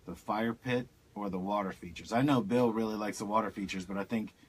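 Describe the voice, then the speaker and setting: Low-voiced chatty male host. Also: steady tone, brisk, a little hiss or hum. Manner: chatty and questioning. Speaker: radio show host. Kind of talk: casual radio talk.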